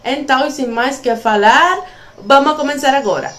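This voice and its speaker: In a small room at home, a young Cuban woman vlogs casually to her phone camera. She speaks careful learner's Portuguese with a Spanish accent, in a high, fairly bright voice at a moderate pace.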